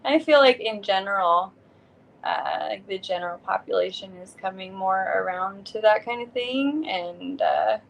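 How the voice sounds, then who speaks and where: A young woman guest chatting casually on a podcast, giggling often and pausing with hesitant fillers. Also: mid-range voice, a little hiss or hum, rough recording. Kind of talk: casual chat.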